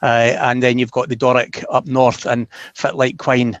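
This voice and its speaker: A man with a Fife Scottish accent, speaking slowly and carefully on a panel. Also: medium pitch, flat delivery, dry recording, muffled recording. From Scotland. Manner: deliberately slowed, careful speech. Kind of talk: casual panel discussion.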